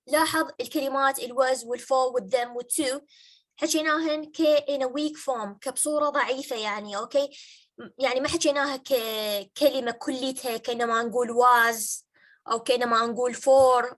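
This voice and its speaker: A woman with an Iraqi Arabic accent giving a university phonetics lecture, switching between Arabic and English, checking in with listeners with frequent "okay?" and slowing down to stretch out English example phrases. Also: sits high.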